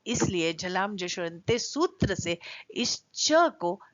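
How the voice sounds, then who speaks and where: A woman's voice: lowish voice, sing-song, takes it slowly, a bit bright, no room sound. A middle-aged woman teaching Sanskrit grammar in a video lesson, explaining step by step and drawing out vowel sounds to show their length. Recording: dry, slightly dull lo-fi sound.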